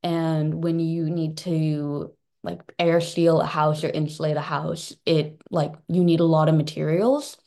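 A young woman in her twenties with a notably low voice talks about the energy audits she has worked on. Her phrasing is loose and conversational, with frequent "like" and "um". She sounds like a student describing a hands-on project. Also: level tone, a little slow, hardly any pauses, warm tone. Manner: casual, sprinkled with "like". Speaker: college student and service corps member. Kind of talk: casual interview talk.

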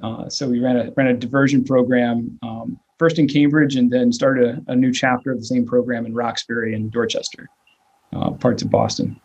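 The recording is muffled, and the man's mid-range voice is level, a little mellow, and breathy-edged at normal speed. A nonprofit leader in his thirties from the Virginia / West Virginia area, he answers interview questions with many fillers and restarts, sounding hesitant.

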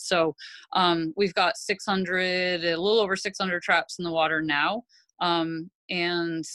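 Middle-aged fisherwoman, panel guest; lowish bright voice, close and dry, easygoing and rambling. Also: no echo, poor audio. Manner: relaxed, rambling, with many "you know"s. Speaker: lobster fisherman and boat captain. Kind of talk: panel discussion.

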